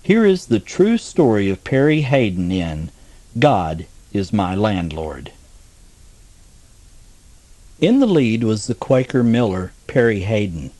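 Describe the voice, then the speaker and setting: A man introducing and reading a true story aloud, narrating with an expressive storytelling manner. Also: fairly low pitch, no echo. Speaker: narrator and editor.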